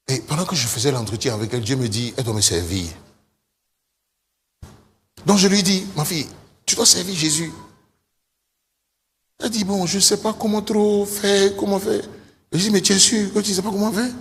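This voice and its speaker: A man pastor preaching a lively sermon, speaking straight to his congregation and pushing up into high, emphatic calls, with a few English phrases mixed in. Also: big-room sound. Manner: mixes in short English phrases. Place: church service.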